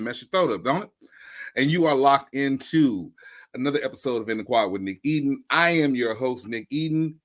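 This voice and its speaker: A man's voice: mid-range voice, a bit bright. A man hosting a show in a casual, joking and slangy way. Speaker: host.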